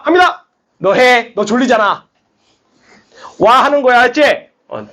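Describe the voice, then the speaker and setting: Lively, high-voiced male math teacher. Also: breathy edge, highs cut off. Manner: lively, coaxing, rallies students with shouts. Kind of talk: classroom lecture. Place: classroom. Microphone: speaker amplified mic.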